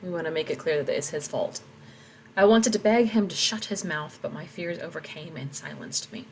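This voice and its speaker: A woman's voice: sits low, animated, brisk, darkish tone, slight background noise, rough recording. A woman reading her own story aloud and reflectively talking through her edits.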